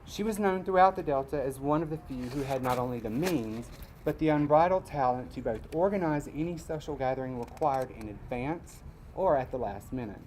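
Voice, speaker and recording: A man from Mississippi, reading his personal essay aloud at a live event in a measured, wry way. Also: medium pitch, lively intonation, a little mellow, slight background noise, rough recording. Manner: measured storytelling, wry asides.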